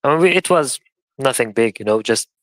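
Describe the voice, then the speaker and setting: Smooth-voiced man in his thirties. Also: mid-range voice, lively intonation, fairly quick, a bit bright, dry recording, low-quality recording. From Romania. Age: 30s. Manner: eager, explanatory. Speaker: guest from a charity project. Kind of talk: casual chat on a live audio stream.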